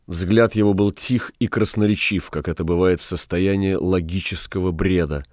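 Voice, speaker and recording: A man reading literary prose aloud in a measured, even storytelling manner. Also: sits low, no echo, clean studio sound. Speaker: audiobook reader. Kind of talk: scripted literary narration.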